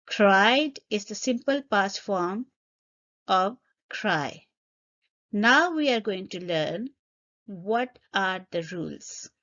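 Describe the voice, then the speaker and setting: Very slow-paced woman teaching grammar. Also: mid-range voice, expressive, fairly bright tone. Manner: spells out letters and repeats examples. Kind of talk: slow, deliberate grammar lesson. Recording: slightly dull lo-fi recording.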